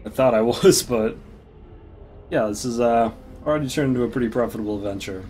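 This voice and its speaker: A man's voice: mid-range voice, fairly quick, a little mellow, a little hiss or hum. A man casually commenting while playing a game, rambling, laughing often and swearing now and then. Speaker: gaming streamer. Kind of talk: casual let's-play commentary.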